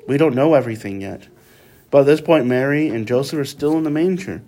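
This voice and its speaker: A man's voice: medium pitch, expressive, fairly quick, mellow. A man leading a casual Bible study, talking conversationally and often checking in with his listeners with tag questions.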